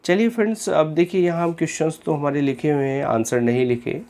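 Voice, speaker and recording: A man with an Indian English accent teaching English literature in an online exam-prep lecture. He explains in Hindi mixed with English terms, reads questions slowly and keeps addressing his students as friends. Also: fairly high pitch, steady tone, a little mellow.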